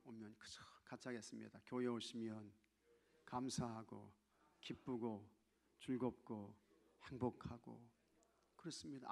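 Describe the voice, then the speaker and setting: Guy preaching in church, gravelly voice, goes loud then whispery to make his point. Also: medium pitch. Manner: exhorting congregation, drops to near-whisper for emphasis. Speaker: pastor. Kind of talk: sermon. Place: church sanctuary.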